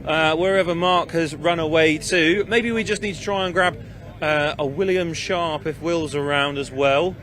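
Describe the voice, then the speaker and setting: A man's voice: on the high side, moderate pace, fairly bright tone, slight background noise. A man interviewing drivers outdoors at a race circuit after the race, chatty and teasing. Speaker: pit lane reporter.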